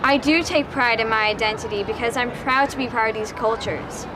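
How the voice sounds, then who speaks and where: A woman's voice: a little high, fairly quick, background noise. A teenage girl, a student, reading her personal essay outdoors on a city street in a plain, matter-of-fact way. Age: teens. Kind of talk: scripted personal narration.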